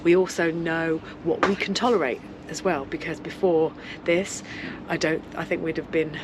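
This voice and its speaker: A woman's voice: sits low, steady tone, normal speed, background noise. A woman chatting casually on a sailboat in an earnest, rambling way. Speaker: vlogger, sailing family mother. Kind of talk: casual vlog chat.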